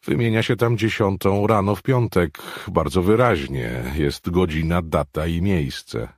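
A man's voice: deep voice, measured pace, dry recording, studio quality, pitched above the performer's own voice. A man voicing a cautious, pedantic male conspirator who insists on safety first. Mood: insistent. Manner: stern, insistent.

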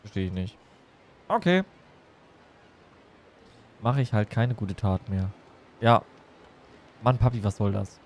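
A man's voice: fairly low pitch, very animated, slow, long pauses. A man chatting casually and playfully as he livestreams a game, rambling from one thing to the next. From Germany. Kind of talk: casual chat while streaming a game.

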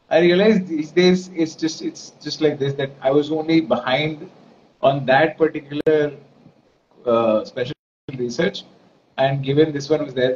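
A man's voice: a little high, a little mellow. Indian-accented man streaming, dull noisy sound. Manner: rambling, switches between English and Hindi. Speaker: live stream host. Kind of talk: casual live stream chat. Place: indoors, plain-walled room. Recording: dull lo-fi stream with clear noise.

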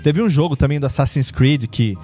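A man's voice: a little high, a little fast, mellow, soft background music. A man on a casual podcast, eagerly explaining and sounding out foreign words. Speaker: podcast guest.

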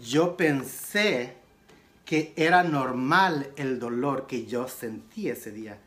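A man telling a personal story in a casual makeup vlog, animated and mixing in English phrases. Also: slow. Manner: animated retelling with sudden pitch jumps. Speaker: beauty vlogger.

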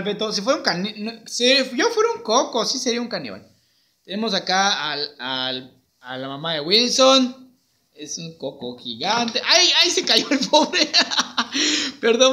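A man's voice: high-pitched, bright, forceful tone. A male schoolteacher chatting playfully with a puppet, sending greetings to his students and laughing easily. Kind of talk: casual chat with a puppet.

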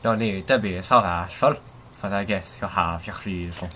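Guy reading as a teasing mercenary heroine, flat, unhurried delivery, game music underneath. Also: sits low, a little hiss or hum. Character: female mercenary heroine, cool and flirty.

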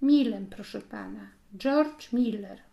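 A woman's voice: mid-range voice, slow, gravelly, muffled recording. A woman voicing a timid, frightened boy who has been caught stealing.

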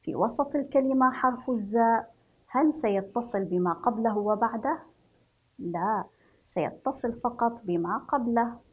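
Breathy woman teaching children to read. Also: medium pitch, darkish tone, poor audio. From Yemen. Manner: slow, drawn-out syllable-by-syllable reading for young pupils. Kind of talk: children's reading and writing lesson.

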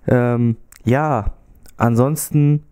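Speaking very slowly in a steady, mellow, smooth voice of medium pitch, a young adult YouTuber with a slight cold rambles through a casual vlog chat full of fillers, gesturing as he goes. He holds a handheld mic close in his small bedroom, which has a TV and a gaming setup.

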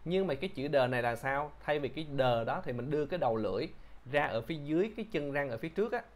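A man teaching English pronunciation, who repeats each word slowly and patiently explains how to shape the mouth. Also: fairly high pitch, lively intonation. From Vietnam. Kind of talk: pronunciation lesson.

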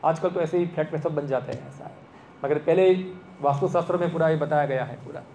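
Male lecturer, conversational, quizzes the audience, a bit high-pitched, echoey room. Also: fast, gravelly, dark tone, a little hiss or hum. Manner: conversational, asks the audience questions. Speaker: speaker giving a talk. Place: temple hall. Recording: echoey room with faint ambience.

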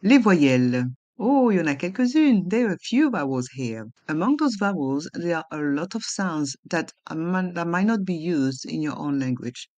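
A woman's voice: on the low side, animated, unhurried, a little mellow, dull audio. A woman teaching French pronunciation, sounding out vowels and words one by one and repeating them for learners. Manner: switches between French and English explanations. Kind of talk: slow, careful pronunciation lesson.

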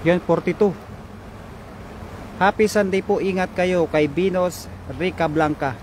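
A man live-streaming a fishing trip from a riverbank on a phone, chatting and giving shoutouts to viewers. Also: high voice, a little slow, a little hiss or hum. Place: riverbank outdoors.

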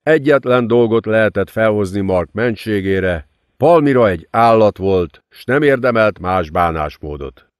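Lively male audiobook reader. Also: on the low side, clear, resonant tone, no echo, studio quality. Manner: dramatic, lively reading. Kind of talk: audiobook narration.

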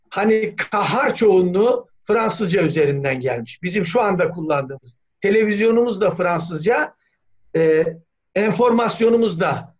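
A man speaking as a language scholar in an academic meeting, talking thoughtfully with many hesitations. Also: high voice. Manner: thoughtful, hesitant, frequent "e" fillers, spells words letter by letter. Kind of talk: academic discussion on a video call. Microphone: video call. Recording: dull lo-fi video call audio.

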